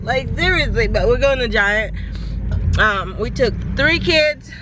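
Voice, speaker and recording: A woman's voice: a little high, lively intonation, measured pace, background noise. A Jamaican woman with a Jamaican accent, chatting and teasing as she vlogs about her family. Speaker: family vlogger. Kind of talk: casual family vlog.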